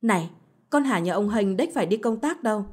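A woman's voice: mid-range voice, animated, brisk, a little mellow, breathy edge. A gossiping older village woman rattles on at the market, voiced by a woman narrator. She talks chattily and insists she knows the truth. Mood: gossipy.

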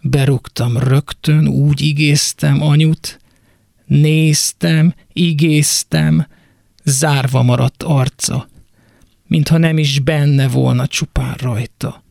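A man giving a dramatic poetry recitation, moving between hushed whispers and intense, raised lines. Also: a little high, fairly even intonation, creaky, dry recording, clean studio sound. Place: radio studio.

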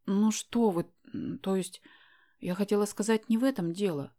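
A shy, conscientious young woman, as a narrator reads her, answers politely and hesitantly in a storybook reading. Her voice sits at a plain middle pitch, soft-spoken and proper. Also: moderate pace, lightly acted. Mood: flustered.

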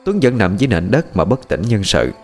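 A man narrating a ghost story in a lively, expressive way. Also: on the low side, brisk. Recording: faint music and night crickets behind.

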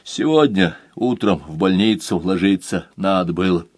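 A man's voice: low-pitched, normal speed, dry recording, studio quality, pitched below the performer's own voice. A man voicing a frightened, bitter middle-aged drinker who speaks nervously. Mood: anxious.

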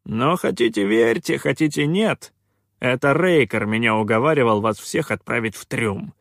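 A man's voice: medium pitch, normal speed, vocal fry, a bit bright, no room sound, clean studio sound. A man voicing a cocky, sarcastic male pirate captain who snaps back with irritated scorn. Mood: scornful. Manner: scornful, irritated, coolly offhand.

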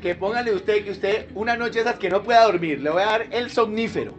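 A man pastor preaching a sermon in a lively, humorous way, full of rhetorical questions. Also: high-pitched, a little fast, lo-fi sound, a little hiss or hum.

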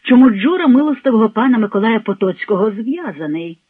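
A man voicing a proud, courteous nobleman who speaks formally and deliberately. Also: high voice, animated, husky, no room sound, phone-quality sound.

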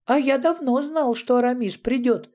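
A tiny squeaking alien spy. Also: male voice, moderate pace, darkish tone. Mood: smug.

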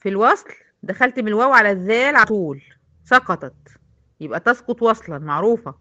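A woman with an Egyptian accent leads a recitation lesson, patiently walking her students through each rule and quizzing them as she goes. Her voice has a bright, sharp edge. The audio is dull and lo-fi. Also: medium pitch, animated, fast talker. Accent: Egyptian Arabic. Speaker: Quran recitation teacher. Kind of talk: tajweed lesson to female students.

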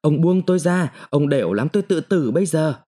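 A woman's voice: sits low, big pitch swings, a little fast, dark tone, breathy edge, pitched above the performer's own voice, heavily acted. A man reading a story, voicing a desperate, defiant young woman mine worker who pleads and cries out. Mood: desperate, crying out. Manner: pleading, then crying out in protest.

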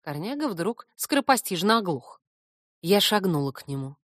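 A woman narrating an audiobook in the first person with measured, steady storytelling. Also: on the low side, dry recording, clean studio sound. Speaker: audiobook reader.

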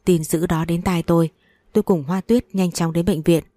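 A woman reading a story aloud in a steady, plain storytelling way. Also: lowish voice, normal speed, no echo, clean studio sound. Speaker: story narrator.

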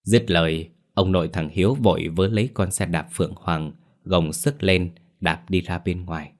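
A man narrating a ghost story in a steady, dramatic way. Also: deep voice, moderate pace. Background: faint music.

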